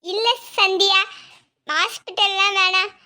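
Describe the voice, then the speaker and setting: A woman voicing a high, whimpering young wife in pain. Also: little pitch movement, no room sound, studio quality, heavily acted. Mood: pleading. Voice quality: very high, bright, childlike.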